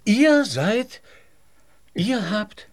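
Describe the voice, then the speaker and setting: An actor playing a humble cobbler posing as an astrologer in a children's radio play, who talks hesitantly and mutters to himself. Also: male voice, sits high, big pitch swings, very slow, heavily acted.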